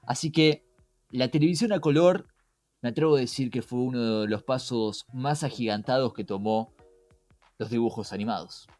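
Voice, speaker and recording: Hosting a podcast with music behind his voice, an Argentine-accented man speaks at medium pitch and moderate pace in a slightly mellow tone. The recording is dry, and he keeps things conversational by engaging the listener with rhetorical questions.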